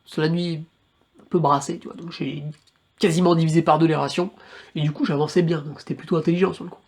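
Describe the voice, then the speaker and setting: A man's voice: fairly high pitch, fairly even intonation, fast. A young man, a trail runner, recounting his race in a casual, slangy and crude storytelling manner.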